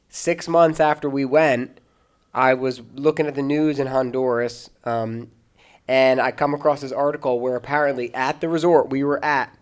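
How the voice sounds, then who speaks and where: Chatting casually, a man who is an American pastor and podcast host spins long anecdotes in a medium-pitched voice, frequently restarting and bursting into laughter.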